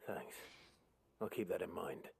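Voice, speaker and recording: A male actor playing a resolute, brooding young fantasy hero in a video game, husky and grave, with terse, restrained delivery. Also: low voice, expressive, measured pace, a little mellow, a little hiss or hum, full character voice. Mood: grave, reassuring.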